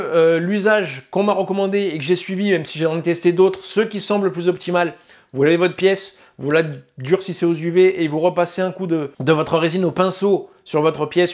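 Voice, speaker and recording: Casual French male reviewer, slightly high voice, hesitant and filler-heavy delivery. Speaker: YouTube 3D printing reviewer. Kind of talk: casual product review talk.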